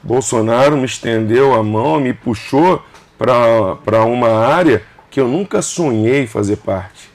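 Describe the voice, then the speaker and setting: A man's voice: medium pitch, measured pace, darkish tone. A man in his fifties, a governor being interviewed on a casual podcast, who speaks emphatically in short clauses and repeats phrases. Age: 50s.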